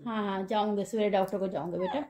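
A woman talking softly to her children and the camera at home late at night, recorded on a phone. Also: mid-range voice, fairly even intonation, fast. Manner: soft, coaxing talk to children at night. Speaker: vlogger, mother. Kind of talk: casual home vlog.

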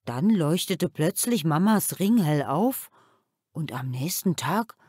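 A woman voicing a gentle, thoughtful father who talks calmly and a little sadly, in a children's audiobook. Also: sits low, slow, breathy edge, no room sound, clean studio sound, heavily acted. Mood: reflective. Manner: calm, reflective storytelling.

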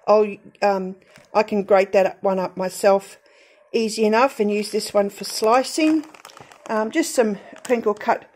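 A woman's voice: medium pitch, steady tone, unhurried, a little mellow. A middle-aged woman, casually talking through her grocery haul with frequent ums and self-corrections. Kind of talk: casual voice-over showing groceries.

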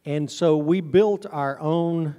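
A middle-aged man who owns a honey farm speaks slowly and warmly to a conference audience, his fairly high voice carrying an informal, folksy, self-deprecating tone. He uses a handheld mic through the PA on a big indoor auditorium stage, captured by an audience camera with reverb from the hall's system.

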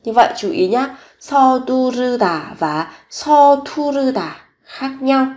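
A woman teaching Korean vocabulary in a recorded lesson, slowly repeating each word several times. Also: high-pitched, animated, a little mellow.

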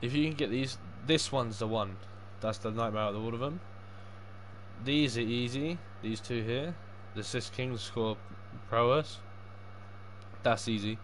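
A man's voice: medium pitch, unhurried. A young man chatting casually on a gaming livestream, sweary and full of matey slang. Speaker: livestreaming gamer. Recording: clear background noise.

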